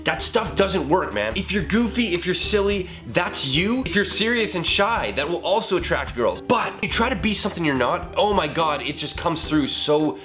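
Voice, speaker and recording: A hungover man with a slightly high voice vlogs in a loose, goofy style. His pitch swings around a lot as he jokes casually to the camera, with clear music playing behind him. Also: sing-song, normal speed, few pauses. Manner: jokey, goofy, breaks into giggles and exclamations; casual swearing. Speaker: video creator and host. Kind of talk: casual comedic vlog chat to camera.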